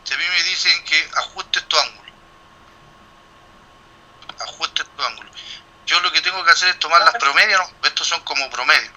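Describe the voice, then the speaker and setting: A middle-aged lecturer with a very bright, slightly high voice walks his class through a calculation. He thinks aloud, stumbles and restarts, and throws in questions to the room before he answers them himself. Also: quick pace, hardly any pauses, low-quality recording. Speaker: university lecturer. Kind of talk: classroom explanation.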